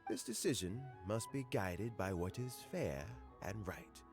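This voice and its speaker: An older man voicing a wise elderly fisherman in a video game, speaking in a measured, earnest way over game music. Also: fairly low pitch, very animated. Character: wise elderly fisherman and official, calm and fair. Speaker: elder who appoints an assessment officer. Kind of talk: game voice acting.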